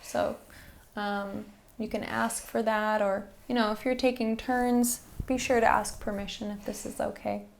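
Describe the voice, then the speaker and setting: A woman instructor softly guiding a breathing exercise in a soothing, encouraging manner, with background noise in the recording. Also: mid-range voice, level tone, unhurried, few pauses. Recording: faint-to-clear background noise and ambience.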